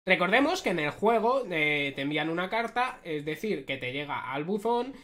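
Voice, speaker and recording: A woman with a Spain Spanish accent giving lively, laughing reaction commentary on a video. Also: fairly low pitch, normal speed. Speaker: youtuber reacting.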